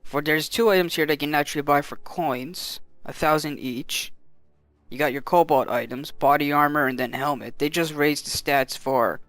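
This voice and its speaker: Man, fairly high voice, casual gameplay commentary, explanatory, matter-of-fact, faint music behind. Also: moderate pace, fairly bright tone, no room sound. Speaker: game commentator.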